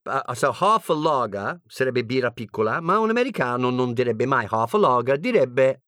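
Playful English-accented man teaching, lively pitch. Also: normal speed, no echo, clean studio sound. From England (Birmingham). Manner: playful, joking asides. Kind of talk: humorous language lesson.

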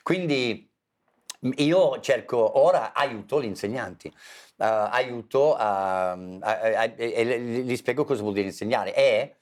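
A man's voice: medium pitch, slow. Man teaching in Italian. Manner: animated, hesitant, switching between Italian and English. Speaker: English teacher and author. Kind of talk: conversational interview.

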